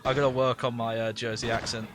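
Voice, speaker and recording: A man's voice: mid-range voice, little pitch movement, fast, music in the background. A man streaming a game and giving casual, rambling commentary, laughing often.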